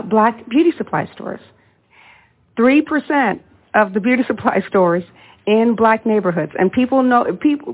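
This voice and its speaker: A woman's voice: on the high side, husky. A woman speaking earnestly and persuasively as a guest, calling listeners to take up a challenge. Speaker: guest, business challenge founder. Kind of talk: speech clip on radio show. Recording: phone-like sound with faint music.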